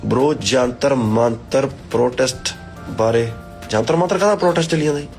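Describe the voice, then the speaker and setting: A man's voice: medium pitch, moderate pace, a little mellow, faint music behind. A man, making a casual, dismissive remark and saying "bro" a lot. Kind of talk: offhand interview remark.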